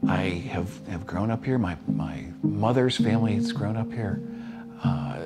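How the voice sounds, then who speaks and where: A man's voice: on the low side, expressive, unhurried. A man in his sixties from Pennsylvania, a barbershop owner speaking in a documentary interview, hesitant with many fillers and restarts. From Pennsylvania, USA. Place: small wood-panelled barbershop. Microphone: seated, medium camera framing. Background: music.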